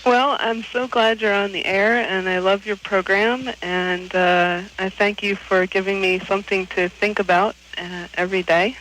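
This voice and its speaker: A woman calling in to a radio show over the phone, slowly offering gushing praise. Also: medium pitch, fairly even intonation, fairly bright tone, a little hiss or hum, rough recording. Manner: slow, gushing praise with fillers.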